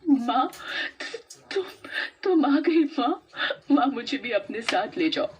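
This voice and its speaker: Woman doing a weepy little cartoon girl, high and pleading. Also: animated, measured pace, slightly rough, exaggerated voice. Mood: tearful. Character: young girl, grieving orphan, tearful and pleading.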